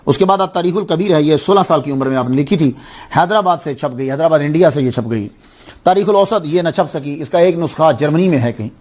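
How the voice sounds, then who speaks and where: Animated high-voiced preacher man. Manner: animated, repeating phrases with exclamations. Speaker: religious preacher. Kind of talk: Islamic sermon storytelling.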